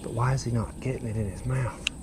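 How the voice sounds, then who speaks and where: Fast-talking, with a medium-pitched voice and fairly even intonation, a young man with a Kentucky accent narrates his fishing outing. He's a vlogger on a grassy pond bank outdoors, filming with a head-mounted action camera that catches wind noise, talking casually to himself and his viewers.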